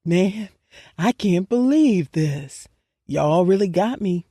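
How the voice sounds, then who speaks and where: A tough father choked with emotion, as a woman narrator puts him on, low and steady while he holds back tears. The delivery is mellow and dark, and it sounds dry and close. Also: slow pace, slightly rough, no room sound, heavily acted. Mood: moved.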